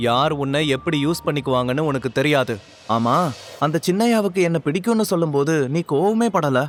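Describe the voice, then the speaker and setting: Male narrator doing a young wife in an audio drama, hurt and defiant, pleading, slightly higher voice. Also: brisk, soft background music, natural voice. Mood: earnest. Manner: pleading, indignant.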